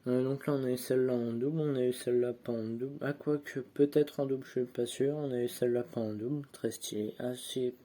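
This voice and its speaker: Speaking a little fast with few pauses, this man has a medium-pitched, dark voice and fairly even intonation. He's a vlogger opening sticker packs at home, casually chatting to viewers, sorting cards aloud and tossing in self-mocking remarks. The clip is shot on a handheld phone camera without a tripod.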